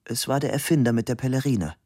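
A man reading a novel aloud as narrator, calm and measured. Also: mid-range voice, no echo, studio quality. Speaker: audiobook narrator. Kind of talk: scripted narration.

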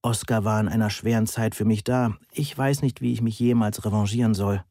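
A man's voice: on the low side, steady tone, fairly quick, mellow, no echo, clean studio sound. A man voicing a blunt, teasing young woman in an audiobook, raising his voice for her. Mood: brusque. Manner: brusque, teasing. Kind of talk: audiobook dialogue.

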